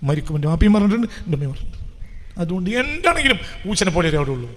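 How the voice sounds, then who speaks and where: Man, Islamic preacher, sermon, high sharp voice, rhetorical questions, hushed then loud, long hall echo. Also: sing-song, rapid-fire. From Kerala, India.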